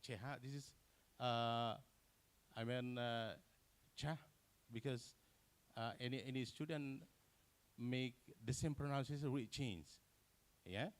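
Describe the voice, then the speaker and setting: Halting man presenting research. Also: medium pitch. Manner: halting, many fillers and restarts. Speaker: conference presenter. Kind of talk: academic conference presentation.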